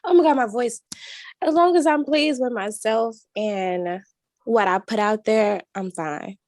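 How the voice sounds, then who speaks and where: A woman's voice: a little high, a little slow, darkish tone, no room sound. Blunt, casual woman from Chicago. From Chicago, USA. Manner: blunt, casual, swears freely. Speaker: guest content creator. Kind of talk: casual group interview.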